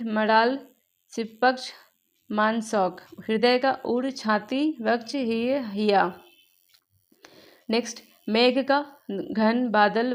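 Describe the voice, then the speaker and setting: A young woman teaching an exam revision class, reading long word lists aloud with brief asides to her students. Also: on the high side. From Bihar, India. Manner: rapid listing of words, brief asides to students.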